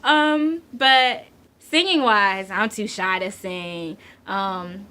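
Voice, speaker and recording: A woman in her twenties from Central New Jersey with a light local accent, chatting playfully about herself in a casual vlog, laughing often and filling pauses with ums. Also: medium pitch, pushed and bright, smooth. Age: 20s. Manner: says she is shy. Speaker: vlogger. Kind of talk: casual chat answering tag questions.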